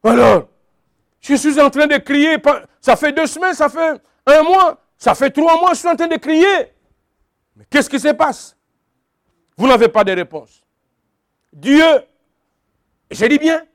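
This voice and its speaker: A man's voice: very high voice, animated, slow pace, long pauses, dry recording, studio quality. A man preaching a sermon, emphatic and repetitive, calling out to his congregation. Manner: emphatic, repeats phrases, calls out to the congregation.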